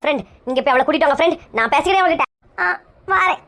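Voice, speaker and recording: A woman's voice: rapid-fire, a bit bright, slight background noise. A woman with a Kanyakumari Tamil accent playing a touchy, bald, middle-aged village woman who nags and bickers. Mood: indignant. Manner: shrill, nagging, bickering.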